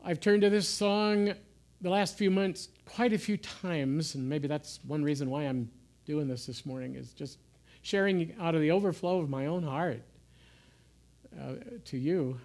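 A man giving an informal sermon in a gentle, conversational way, sometimes dropping to soft, hushed asides. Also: a little high, fairly even intonation, a little slow. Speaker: pastor. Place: church.

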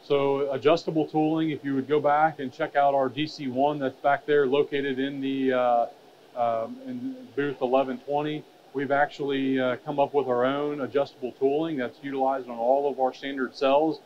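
A man's voice: medium pitch, flat delivery, normal speed. A man in his thirties giving a trade show presentation on a stage, talking with many fillers and restarts. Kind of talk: conference presentation. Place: expo stage with curtained backdrop. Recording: dull lo-fi sound with faint hall noise.

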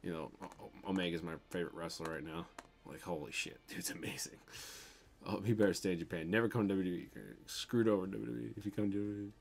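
A young Midwestern man talks fast in a low, gravelly voice while hosting a toy unboxing stream from his bedroom. With his Midwestern American accent, he loosely answers viewer comments, full of ums and offhand swearing.

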